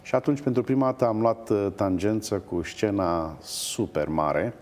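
A middle-aged man, an opera singer, telling stories with hesitations in a TV interview. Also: lowish voice. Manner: animated anecdotes with hesitations. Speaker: guest, opera bass-baritone. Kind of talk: storytelling in a TV interview.

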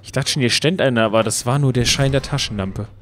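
A man casually commenting on his own gameplay, playful and excitable, talking back to the game. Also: mid-range voice, quick pace, slight background noise. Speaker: Let's Play commentator.

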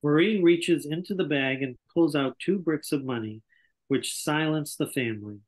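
Reading scripted stage directions as narrator at an online table read, this man in his sixties speaks at a moderate pace with a slightly high voice. He's indoors in a small home room on a video call, using a computer microphone.

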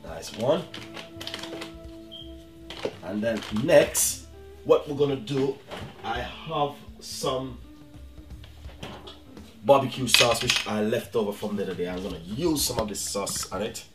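Music runs beneath this mid-range voice, which takes things slowly with frequent pauses. It belongs to a middle-aged man from Jamaica, speaking with a Jamaican accent as he casually walks through a recipe for his cooking channel, often addressing viewers with "guys" and "you know what I mean."

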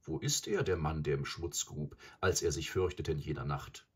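Narrator playing a wolf-raised young man, proud and intense; animated, husky. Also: rumbling low, normal speed, heavily acted. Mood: earnest. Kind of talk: audiobook character voice.

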